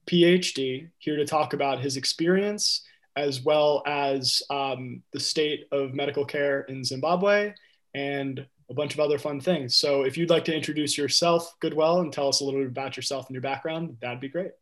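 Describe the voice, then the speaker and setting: A male podcast host with a fairly high voice leads a casual interview. He asks questions in an upbeat, enthusiastic way and keeps the talk moving. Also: steady tone, moderate pace, a bit bright.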